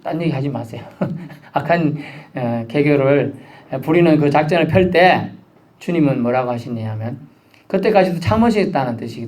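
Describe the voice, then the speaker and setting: A man's voice: mid-range voice, darkish tone. A man preaching a midweek sermon, in a casual, conversational way, acting out the voices he quotes. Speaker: pastor.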